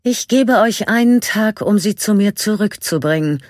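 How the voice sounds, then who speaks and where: A woman's voice: mid-range voice, animated, normal speed, darkish tone, dry recording, studio quality, voice pushed up, natural voice. A woman voicing a cold, commanding evil queen who issues threats. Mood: threatening. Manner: threatening, imperious.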